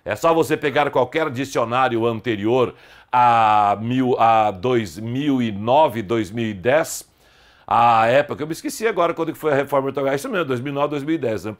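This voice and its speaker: A man's voice: medium pitch, moderate pace. A middle-aged man with a Brazilian Portuguese accent teaching an online grammar lesson, explaining emphatically and stressing example words.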